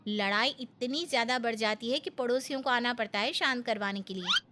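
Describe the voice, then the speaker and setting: A woman's voice: a little high, a little fast, background noise, lightly acted. A woman voicing a cheeky young daughter-in-law. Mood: weary. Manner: exaggerated, mock-innocent. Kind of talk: Hindi storybook voice acting.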